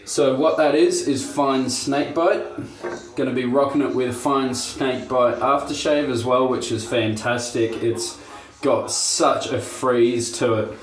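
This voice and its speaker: A man's voice: mid-range voice, fairly even intonation, slow pace. A young man hosting a casual shaving review, chatty and laid-back, laughing at himself. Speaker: shaving video host. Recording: roomy home recording.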